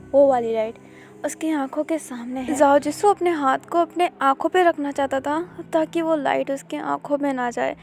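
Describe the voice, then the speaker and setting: High-voiced woman narrating a story. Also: gravelly, a little mellow, slight background noise. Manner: chatty narration mixing in English words. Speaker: fan-fiction storyteller.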